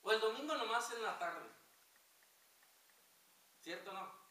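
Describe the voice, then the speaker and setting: A fervent male pastor preaching to his congregation, his high, bright voice carrying through a reverberant church. He is picked up from a distance, with a steady hiss under the sound. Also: a little slow. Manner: fervent, addresses congregation as brothers. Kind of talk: sermon. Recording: echoey hall from far off, hiss.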